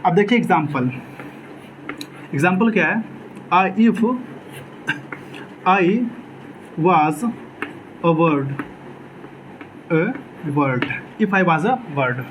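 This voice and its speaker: A man's voice: high voice, slight background noise, poor audio. A man teaching an exam-prep English grammar lecture, asking his own questions and answering them, repeating key words.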